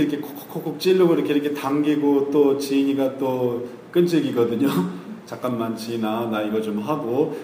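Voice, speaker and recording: A middle-aged man preaching a sermon as a pastor, asking rhetorical questions that rise to emphatic peaks and then drop low and slow. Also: darkish tone, echoey room, a little hiss or hum.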